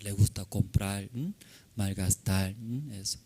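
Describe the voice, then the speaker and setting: A man's voice: fairly low pitch, takes it slowly, husky. A male pastor with a Korean accent, a native Korean speaker, telling a personal story in a sermon in simple broken Spanish, often checking in with tag questions. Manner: animated, acts out shouting in the story.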